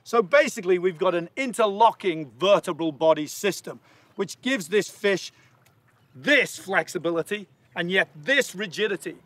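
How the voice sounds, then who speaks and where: A man's voice: sits high, expressive, normal speed, a bit bright, dry recording. An older man presenting a nature documentary outdoors, explaining things to camera. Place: outdoors on grass by the sea.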